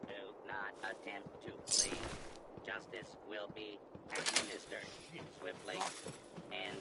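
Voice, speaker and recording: A man voicing a stern male security robot on patrol, giving clipped, flat, formal commands. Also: fairly low pitch, slow. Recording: loud background noise.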